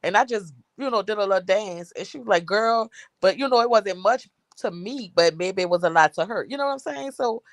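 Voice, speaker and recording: A woman in her mid-forties talks in a loose, rambling way, circling back on her own words and breaking into laughs. Her voice sits at a middle pitch and sounds dry and close to the mic. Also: lively intonation, fairly quick, no echo. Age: 40s. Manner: chatty, rambling, repeats herself, laughs often. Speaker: guest on a live stream. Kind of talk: casual chat.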